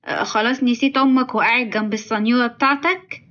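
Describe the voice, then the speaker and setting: Lady reading a snooty mean older mom-in-law, egyptian accent, quick and a bit high, dull sound. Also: fairly even intonation, fairly bright tone, natural voice. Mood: scornful. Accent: Egyptian Arabic. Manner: scornful, mocking. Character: sharp-tongued greedy older mother-in-law.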